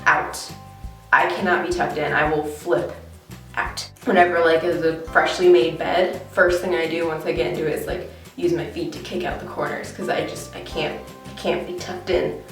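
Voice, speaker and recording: A woman's voice: sits low, fairly even intonation, moderate pace, distant mic, faint music behind. A young American woman chatting casually and informally to camera as a vlogger, recorded in an echoey bathroom. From Connecticut, USA. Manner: talky, informal. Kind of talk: casual chatty tag video. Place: small bathroom, indoors.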